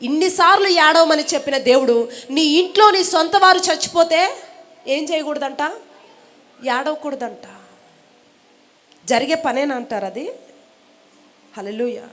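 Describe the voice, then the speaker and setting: A woman's voice: high-pitched, unhurried, pauses often, fairly bright tone. A woman preaching a sermon to a congregation, emphatic and repetitive, asking rhetorical questions. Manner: emphatic, repeating phrases. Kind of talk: Telugu sermon.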